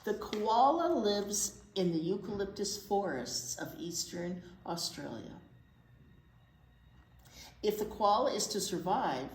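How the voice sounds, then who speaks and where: A librarian running children's storytime reads a picture book slowly and animatedly in a medium-pitched voice. She explains things simply for the young listeners and adds chatty asides, with echo and faint background noise in the recording.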